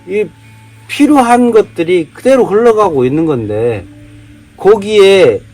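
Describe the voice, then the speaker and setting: Man from Jeolla, heated preachy rant, rhetorical questions, fairly high voice, faint music behind. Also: a little mellow. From Jeolla, South Korea. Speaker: vlogger. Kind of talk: casual monologue, day-drinking rant.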